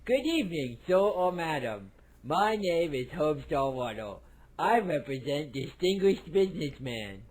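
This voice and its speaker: Bumbling cartoon telemarketer: bright, bouncy, up-and-down delivery. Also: male voice, on the high side, big pitch swings, measured pace, a little hiss or hum. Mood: chipper. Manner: chipper salesman patter, making noises. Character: bumbling male phone salesman, clueless and chipper. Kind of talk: cartoon answering machine message.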